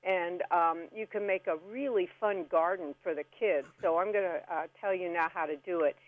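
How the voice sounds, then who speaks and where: Calling in as a radio guest, a woman walks through step-by-step instructions in a casual, folksy, chatty manner. Her voice is on the low side at normal speed, heard dry over a band-limited, phone-like line.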